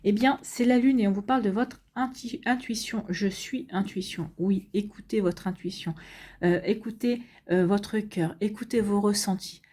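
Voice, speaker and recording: A tarot reader gives a casual reading for her viewers, unhurried and reassuring. Her warm, mellow voice is mid-pitched for a woman and sounds tired, and she speaks gently with frequent pauses, fillers, and restarts.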